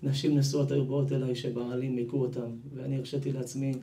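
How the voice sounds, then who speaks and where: A man, a rabbi, giving a sermon, telling a story and acting out its dialogue, with sudden loud, high-pitched cries. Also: flat delivery, distant mic.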